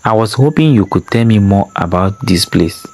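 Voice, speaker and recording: A tall, well-dressed travelling trader with a soft, gentle and polite way of speaking, as a man reads him. His voice stays low. He is a figure in a storybook reading. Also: animated, moderate pace. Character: soft-spoken tall male stranger, a trader.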